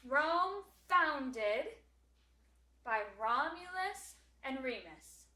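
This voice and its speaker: A woman's voice: high-pitched, expressive, drawn-out words, pushed and bright, roomy sound, low-quality recording. A woman tutor walking through memory work, explaining hand motions and singing skip counts. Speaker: homeschool class tutor.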